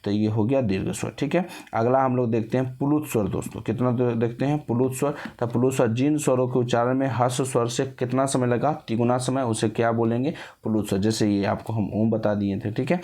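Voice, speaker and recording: A man teaching an exam-prep class at a medium pitch. He keeps asking questions and answering them himself. He stretches vowels slowly to show their length. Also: fairly even intonation, mellow.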